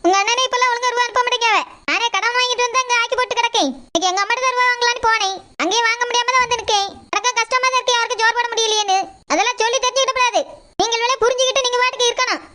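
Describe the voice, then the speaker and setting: A woman playing a shrill scolding sister-in-law. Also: fairly even intonation, a little hiss or hum. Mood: complaining. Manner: scolding, sharp and fast. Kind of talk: amateur family drama acting.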